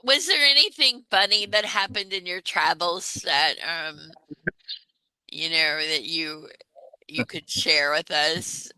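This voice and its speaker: A woman's voice: low voice, slow pace, sharp tone, smooth, low-quality recording. A woman asking questions as an interviewer in a casual conversation.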